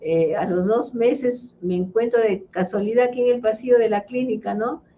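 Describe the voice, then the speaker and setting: A woman's voice: a little high, normal speed. Middle-aged lady psychologist telling a case story, lots of ums and restarts, faint hiss behind. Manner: storytelling, with many fillers and restarts. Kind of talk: explanatory interview answers. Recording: dull lo-fi livestream sound.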